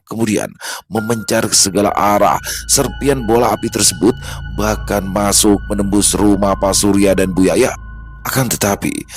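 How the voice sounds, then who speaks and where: A man narrating a horror story in a steady, measured storytelling voice. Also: fairly low pitch. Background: faint background music.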